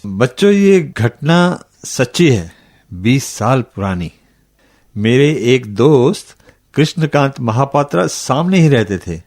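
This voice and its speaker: An actor playing a kindly old grandfather who tells children a spooky story in a radio lesson, in a slow, dramatic manner. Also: mid-range voice, big pitch swings, darkish tone, faint music behind, exaggerated voice.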